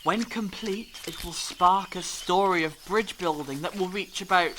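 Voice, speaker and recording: A man acting an eccentric, curious time-travelling alien adventurer in a fan audio drama, telling things theatrically with dramatic pauses. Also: high voice, sharp tone, a little hiss or hum, rough recording. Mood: playful, intrigued.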